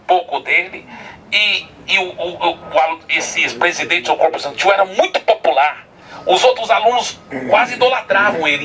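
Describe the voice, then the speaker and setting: A man's voice: high voice, distant mic, rough recording. A male pastor preaching outdoors, telling a story animatedly and often laughing as he goes. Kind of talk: sermon with storytelling. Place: outdoors at a hilltop site.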